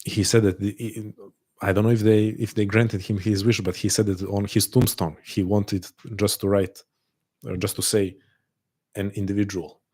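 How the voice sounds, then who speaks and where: A man's voice: lowish voice, level tone, normal speed, darkish tone, slightly rough. A man hosting a live online call, talking in a thoughtful, earnest way and often repeating words and restarting phrases as he thinks aloud. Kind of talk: reflective live talk to an audience.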